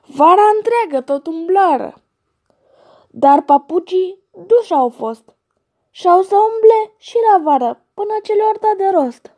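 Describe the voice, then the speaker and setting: A woman's voice: very high-pitched, expressive, darkish tone. A woman reciting a children's story poem with a sing-song storytelling rhythm. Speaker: reader.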